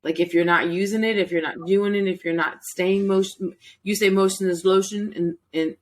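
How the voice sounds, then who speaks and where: A woman's voice: medium pitch, steady tone, moderate pace. A middle-aged woman hosting a casual interview, chatty, repeating phrases and laughing easily. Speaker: host.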